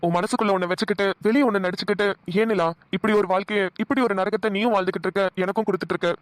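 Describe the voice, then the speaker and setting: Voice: mid-range voice, fairly even intonation, very fast, no echo, natural voice. A voice actor playing a young cartoon husband who scolds his wife, then coaxes and teases her. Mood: teasing. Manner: scolding, then pleading and chuckling. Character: teasing young husband, bossy then coaxing. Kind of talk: Tamil cartoon dialogue.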